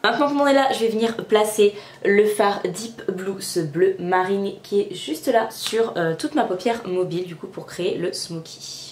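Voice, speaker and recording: A woman's voice: mid-range voice, normal speed, darkish tone, roomy sound, slight background noise. A young woman casually narrating a makeup tutorial step by step at home, chatty, with frequent fillers. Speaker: beauty vlogger. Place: room at home.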